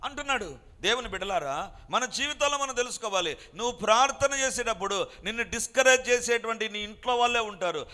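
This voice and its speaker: High bright-voiced man preaching. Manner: emphatic, repeats phrases, mixes in English. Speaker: pastor. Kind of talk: sermon.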